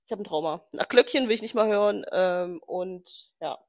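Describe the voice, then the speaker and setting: A young woman co-hosting a casual chat podcast, telling a story with lively acted-out dialogue and frequent laughter. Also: medium pitch, moderate pace. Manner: animated storyteller, acts out quoted dialogue, laughs often. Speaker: podcast co-host.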